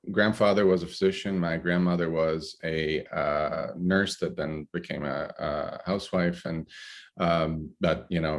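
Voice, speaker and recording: A middle-aged man from Italy with an Italian accent, a podcast guest talking haltingly with many fillers and restarts. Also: deep voice. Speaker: guest, climate researcher. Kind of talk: podcast interview.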